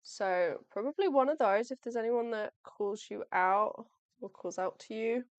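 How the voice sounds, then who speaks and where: In an unhurried, rather high voice with no echo and lo-fi sound, a young woman livestreams herself packing shop orders at her home workspace. The chat is casual and friendly; she muses aloud, apologizes often, and her voice is fading.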